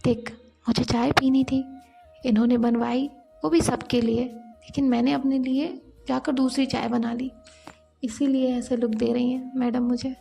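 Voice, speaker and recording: A woman's voice: high voice, level tone, measured pace, gravelly, mellow, soft background music. Apurva, a cheeky young office woman as a woman voices her. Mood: breezy. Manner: teasing, breezy.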